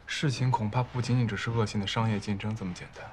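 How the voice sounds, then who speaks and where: A man playing a calm, composed company boss. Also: lowish voice, background noise, lightly acted. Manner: calm, measured and reassuring. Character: composed male boss, steady and loyal. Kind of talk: television drama acting.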